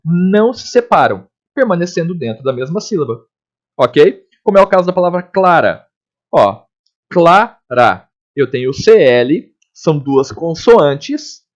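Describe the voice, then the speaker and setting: A man teaching a recorded grammar lesson, explaining step by step, checking in often and spelling out letters and sounds slowly. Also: a little high, darkish tone. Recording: dull lo-fi recording.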